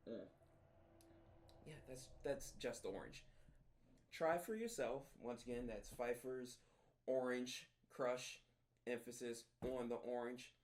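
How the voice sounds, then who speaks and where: A man's voice: mid-range voice, lively intonation, unhurried, long pauses, a little mellow. A man with a mid-range voice reviews a drink as a comedy bit. He is wry and offhand and pokes fun at himself. His delivery stays loose and casual. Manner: wry, offhand and self-mocking.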